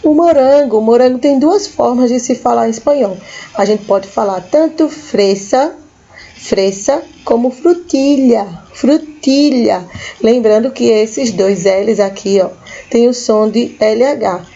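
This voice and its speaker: A Brazilian woman teaching a recorded lesson for children, her voice mellow and soft-edged. She speaks very slowly and repeats each word patiently. The recording sounds dull and lo-fi. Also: a little high, creaky. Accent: Brazilian Portuguese. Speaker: school teacher.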